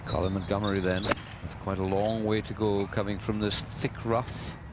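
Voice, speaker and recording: A man's voice: on the low side, level tone, normal speed. A man giving descriptive live golf commentary in an understated, conversational way. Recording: noisy outdoor sports broadcast.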